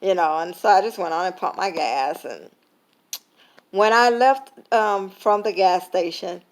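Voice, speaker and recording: A woman's voice: lowish voice, unhurried. Tired woman sharing a casual faith reflection. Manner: conversational, many fillers, retelling with quoted dialogue. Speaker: vlogger sharing a faith lesson. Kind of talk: casual reflective talk to camera.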